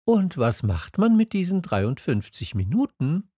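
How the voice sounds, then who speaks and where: A gentle little boy prince asks earnest, wondering questions in a raised, light voice, as a man reading the story puts him on. His tone swoops lively up and down, and the words come slowly. The recording is close and dry. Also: fairly high pitch, slightly rough, dry recording, voice pushed up, heavily acted. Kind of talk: audiobook character voice.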